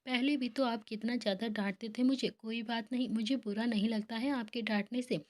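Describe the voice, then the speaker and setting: A woman's voice: on the high side, steady tone, brisk, a little mellow, close to an everyday voice. Woman reading as a sweet young wife. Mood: tender. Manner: affectionate, innocent. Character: gentle young wife, sweet and soft-spoken.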